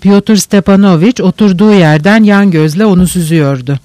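A man narrates a novel in a steady, measured audiobook reading. His voice sits fairly high. The recording is close and dry. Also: no echo.

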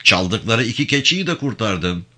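A man's voice: fairly low pitch, very animated, normal speed, sharp tone, heavily acted. A man voicing a simple-minded, boastful rural militia commander who talks in an earnest, pleading way. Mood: eager.

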